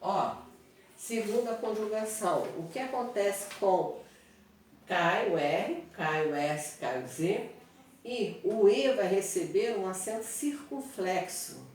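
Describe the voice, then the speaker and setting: Brazilian woman teacher, slow and echoey. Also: medium pitch, expressive, a little mellow. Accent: Brazilian Portuguese. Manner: slow, explanatory, repeats examples and checks with "tá?". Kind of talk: online grammar lesson at a whiteboard. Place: small room at home with a whiteboard. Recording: echoey room, mic at a distance, faint noise.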